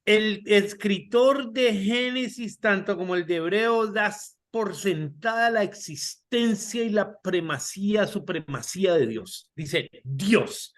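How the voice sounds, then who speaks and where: Slow, high-voiced man teaching a Bible class. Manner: slow, repeats words and restarts, asks the class questions. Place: video call.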